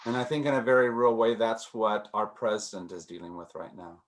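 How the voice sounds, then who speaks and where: A man's voice: fairly low pitch, brisk. Reflective man leading a discussion. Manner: reflective, many restarts and repeated words. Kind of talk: casual group discussion.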